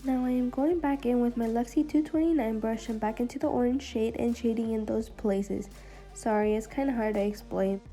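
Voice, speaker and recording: Over background music, a young adult woman voices a makeup tutorial, her sound a bit affected by a cold. Her pitch leans high, her tone stays steady and warm, and her pace is moderate.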